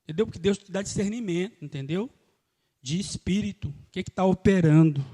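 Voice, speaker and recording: Pastor guy preaching hard to the church, high voice, lots of hall reverb. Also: fairly quick, dark tone, slightly rough. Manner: emphatic, calls out to the congregation. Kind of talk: live church sermon.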